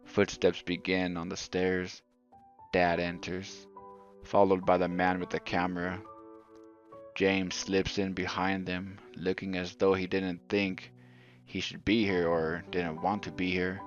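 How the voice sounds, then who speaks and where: A man reads a horror story in a very deep, flat voice, keeping his delivery slow and subdued. The recording sounds dull and lo-fi, and soft music plays faintly underneath. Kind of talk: scripted horror narration.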